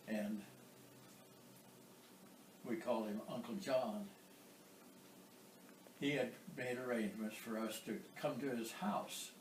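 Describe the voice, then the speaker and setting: A mellow, medium-pitched American man in his nineties, a war veteran, recounts his memories in an oral history interview. He speaks haltingly, pausing and clearing his throat. The recording is roomy, with a distant microphone and some background noise.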